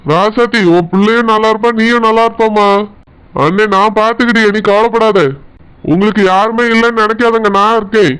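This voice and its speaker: A man's voice: high voice, steady tone, fairly quick, fairly bright tone, clean tone, poor audio. A man voicing a kind, protective older brother in a cartoon, with a Tirunelveli Tamil accent and a soothing, reassuring manner.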